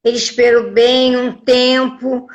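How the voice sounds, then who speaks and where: A woman, older, telling lively anecdotes as a guest in an interview. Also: fairly high pitch, slow pace, highs cut off. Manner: lively storyteller, acts out quoted voices. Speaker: voice actress guest.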